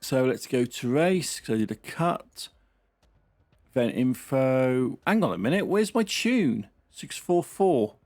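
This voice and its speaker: A man's voice: medium pitch, animated, slow pace, a little mellow, faint music behind. Man muttering through a racing game. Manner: chatty, muttering running commentary on a race. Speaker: gaming channel host. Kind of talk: casual game commentary.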